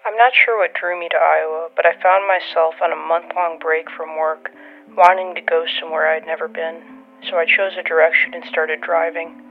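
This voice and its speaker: A woman's voice: low-pitched, steady tone, moderate pace. Woman narrator through tinny old-time AM radio filter. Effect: old-timey AM radio filter on voice. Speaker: podcast host. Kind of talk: scripted personal documentary narration. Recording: tinny old-radio band-limited sound. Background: music.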